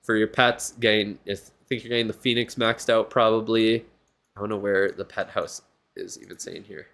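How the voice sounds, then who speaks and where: A tired, yawning man streams live, rambling casually about a viewer's game account and thinking aloud with plenty of fillers. His voice is lowish and fairly bright, with a level tone and a moderate pace.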